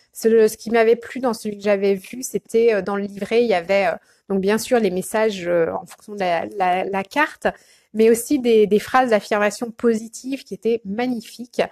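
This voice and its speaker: A woman's voice: on the high side, a little mellow, no room sound. A woman coach chatting casually in a live video, hesitant and full of fillers and restarts, greeting viewers by name. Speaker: life coach.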